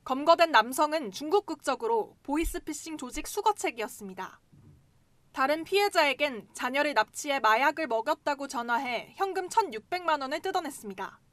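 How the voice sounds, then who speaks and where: Female reporter, high register, scripted news narration, no room echo. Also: lively intonation, fairly quick, a bit bright.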